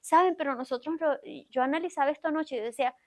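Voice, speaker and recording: High-voiced woman preaching a sermon. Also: racing. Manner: keeps asking the congregation questions. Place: church sanctuary.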